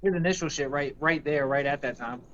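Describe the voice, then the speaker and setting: A man's voice: fairly high pitch, brisk, fairly bright tone. A man in his twenties co-hosting a casual podcast, easygoing and slangy. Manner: laid-back slang, easygoing. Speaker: podcast co-host. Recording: dull lo-fi sound.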